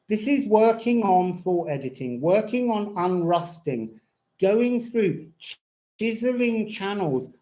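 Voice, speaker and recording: A man's voice: on the high side, dark tone, poor audio. A man chatting casually on a live stream as a rambling, whimsical tarot reader, his words slightly slurred with lips over toothless gums. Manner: rambling, whimsical, breaks into bits of song. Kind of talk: casual live chat with tarot and astrology reading. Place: indoors at home.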